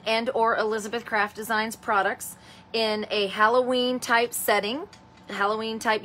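Greeting viewers by name and calling them honey and sweetheart, the host of a live stamping tutorial chats in a rambling way with many ums and restarts. Her voice is a little high and a bit bright.

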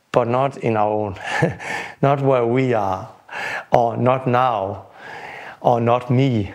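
A man's voice: medium pitch, a little mellow. A man in his forties with a Danish accent, a preacher giving an earnest testimony to camera, often repeating words as he restarts sentences indoors. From Denmark. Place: indoor home room.

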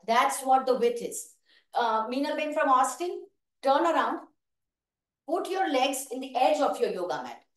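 High-pitched Indian-accented woman, echoey room. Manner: encouraging, calling out counts and cues while exercising. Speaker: fitness instructor. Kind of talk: live online exercise class instruction. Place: large open living room indoors. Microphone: video call, camera several metres away. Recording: echoey large room, away from mic.

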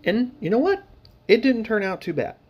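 A man's voice: high voice, very animated, moderate pace, darkish tone, slightly rough. A man casually narrating his hobby painting footage, rambling with lots of fillers and dry, sarcastic humor.

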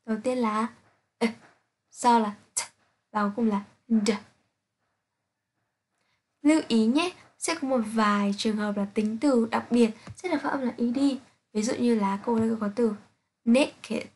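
A woman teaching an English pronunciation lesson, reading out sounds and example words slowly and carefully to her students. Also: on the high side, darkish tone. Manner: slow, careful, spelling out sounds one by one.

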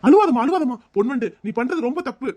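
A woman's voice: high-pitched, lively intonation, racing, a little mellow. A woman voicing a kindly older father-in-law in a cartoon, soothing and reproachful by turns. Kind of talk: cartoon voice acting.

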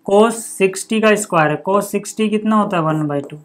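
A man's voice: high voice, normal speed. Man talking through maths steps. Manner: quizzes the viewer then answers himself, with "ठीक है" and "यार"; reads out numbers and steps one by one. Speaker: maths teacher. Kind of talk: step-by-step board lesson.

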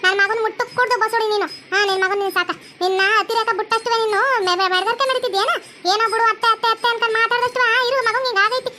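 A woman's voice: very high-pitched, steady tone, noisy background. A woman voicing a fierce, foul-mouthed young daughter-in-law in a cartoon, hurling insults in a North Karnataka Kannada accent. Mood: defiant. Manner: defiant, insulting, rapid. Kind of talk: cartoon voice acting.

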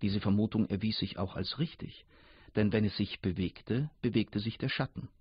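Male narrator, measured radio reading, husky tone, dry and dull recording. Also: on the low side, no room sound. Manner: measured storytelling. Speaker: narrator, actor reading a story.

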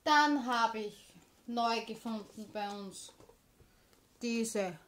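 A woman's voice: fairly high pitch, drawn-out words, a bit bright. A woman chatting casually as a vlogger, showing purchases in an informal, explanatory manner. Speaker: craft haul vlogger.

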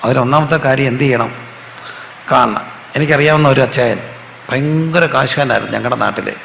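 A man's voice: medium pitch, a little fast, gravelly, a bit bright, slight background noise. A male pastor, preaching a sermon with call-and-response questions and humorous stories. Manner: call-and-response preaching, asks the audience to repeat answers; storytelling with humor. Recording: echoey hall with faint ambience.

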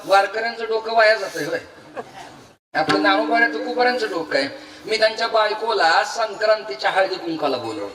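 A man's voice: sits high, sharp tone. A male kirtan preacher giving a devotional sermon full of stories and humor, calling out to his listeners. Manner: exhorting, humorous, calls out to the audience. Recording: echoey hall, distant mic, faint ambience.

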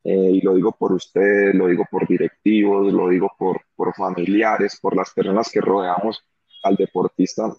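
Over a video call from a phone or webcam, the dull lo-fi audio has no echo. The guest is a man in his thirties, an athlete with a Colombian accent, whose low, level, slightly rough voice keeps a moderate pace. He talks earnestly and repeats phrases to stress his points.

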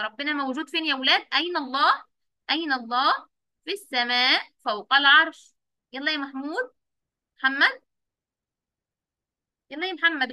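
Egyptian lady teaching little kids online, high bright voice, quick, dry close sound. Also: no echo. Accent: Egyptian Arabic. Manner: coaxing, repeats questions, praises pupils. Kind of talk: online class for young children. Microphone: video call.

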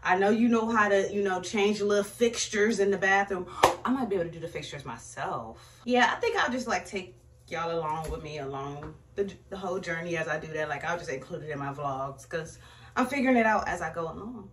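A woman's voice: lowish voice, expressive, a little fast, noisy background. Chatty young woman vlogging, lots of y'all. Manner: chatty, says "like" and "y'all" a lot. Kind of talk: casual vlog chat to camera. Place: apartment at home, then a store.

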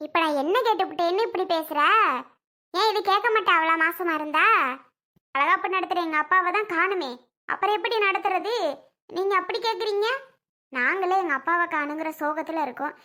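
A high-voiced performer playing a quarrelsome, sharp-tongued pregnant young woman in a family skit, snapping back defensively. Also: normal speed. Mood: indignant.

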